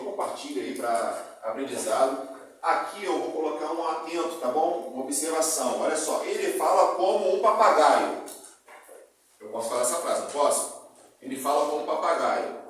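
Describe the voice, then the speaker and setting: A man's voice: mid-range voice, fairly quick. A man with a Brazilian Portuguese accent teaching a class, often checking in with his students and repeating examples. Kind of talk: classroom lecture. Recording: very echoey room, distant mic, faint noise.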